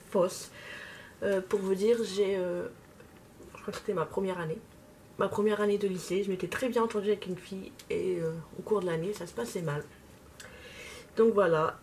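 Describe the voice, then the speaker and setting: Brief: young woman vlogger with a slight lisp, halting casual chat, faint noise behind. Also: mid-range voice, a little mellow. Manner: hesitant, many fillers. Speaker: makeup vlogger. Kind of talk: casual talk while doing makeup.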